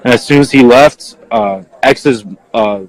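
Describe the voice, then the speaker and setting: A young man, an eyewitness, answering viewer questions in a casual, halting way, full of "like" and "you know.". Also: mid-range voice, dry recording, poor audio. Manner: halting, filler-heavy, leans on "like". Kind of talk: casual spoken account.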